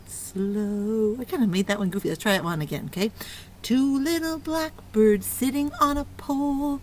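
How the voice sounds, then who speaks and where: In a playful, sing-song manner, a preschool teacher leads little ones through a lesson full of sung fingerplay rhymes. Her voice sits high, and a faint hiss or hum runs underneath.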